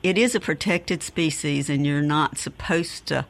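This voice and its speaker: A woman's voice: low voice, unhurried, gravelly. A woman giving casual expert advice on a radio phone-in, informal and thinking aloud as she goes. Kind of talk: casual advice on a call-in show.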